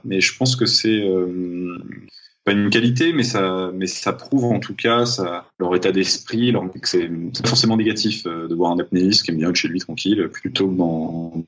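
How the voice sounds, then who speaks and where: Young man from Paris, low husky voice, hesitant and filler-heavy, casual interview guest, dull lo-fi sound. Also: normal speed, a bit bright. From Paris, France. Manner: hesitant, many fillers and restarts. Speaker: guest, freediving champion.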